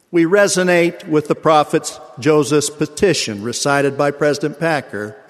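An older man giving a sermon, telling a personal story in a measured, earnest way. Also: mid-range voice, big-room sound. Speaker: church speaker.

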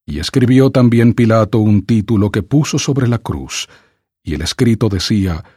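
A man reading scripture aloud for an audiobook in a measured, solemn way. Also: on the low side, lively intonation, dark tone, husky, no room sound, clean studio sound. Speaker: scripture reader.

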